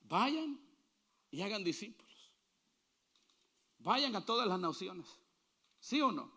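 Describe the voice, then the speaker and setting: A male pastor preaching a sermon, asking the congregation to repeat after him and building to loud, fervent calls. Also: high voice, big pitch swings, slow pace. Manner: call-and-response preaching, building to shouts.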